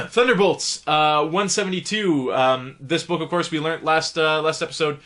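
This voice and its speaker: A man's voice: fairly high pitch, measured pace, pushed and bright. A young man hosting a comic book review show, talking casually and enthusiastically while getting over the flu, with lots of fillers. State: sick with a cold or flu. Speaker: comic book podcast host.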